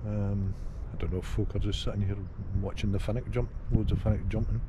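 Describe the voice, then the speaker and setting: A man's voice: lowish voice, little pitch movement, a little fast. An older man with a Scottish accent, chatting casually with dry humour as a travel vlogger, in a car and outdoors by the sea, recorded on a handheld action camera. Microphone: action camera held at arm's length. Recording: wind and traffic noise. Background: car and outdoor ambience.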